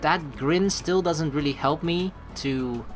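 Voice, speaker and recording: Speaking slowly in a mid-range voice, this let's play host from the Netherlands narrates a visual novel with relaxed remarks of his own. The game's music can be heard in the background.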